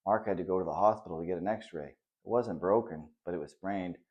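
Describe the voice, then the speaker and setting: A man reading the part of a sad, honest ten-year-old boy in a children's story, speaking gently and hesitantly. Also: low voice, a little fast, highs cut off, natural voice.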